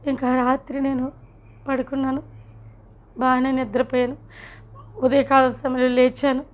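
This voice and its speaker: High-voiced woman telling her testimony. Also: monotone, moderate pace. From India. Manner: earnest, emotional retelling. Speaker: testimony speaker. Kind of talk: personal testimony storytelling.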